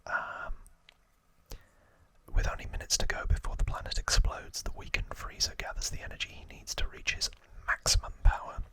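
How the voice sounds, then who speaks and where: An ASMR video host whispers an informal recap into a close microphone, hesitating and rambling as he corrects himself. His unvoiced whisper moves at a moderate pace and has a bright, forceful tone.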